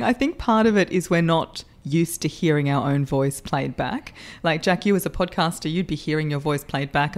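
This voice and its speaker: Lively laughing woman voice coach. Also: on the low side. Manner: lively, laughs often, self-deprecating. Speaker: voice coach guest. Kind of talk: podcast interview.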